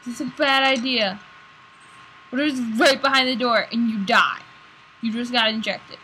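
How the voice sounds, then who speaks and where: A young woman co-hosting a casual gaming let's play, excitable and prone to jumpy yelps. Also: a little high, normal speed, slight background noise, poor audio.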